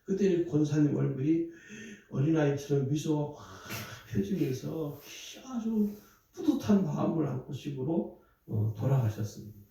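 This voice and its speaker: A male pastor preaches with a lively, swooping delivery, his voice dark and mellow. He tells stories conversationally and then climbs into emphatic bursts. The sound is a very reverberant hall, picked up from well away from the mic. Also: fairly high pitch, unhurried. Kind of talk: sermon. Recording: very echoey hall, voice from far off.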